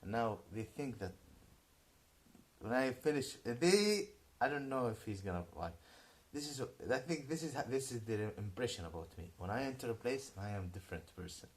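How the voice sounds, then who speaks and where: A man of about forty in a ranting YouTube monologue, halting and repetitive, swinging between shouted outbursts and low muttering. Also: animated.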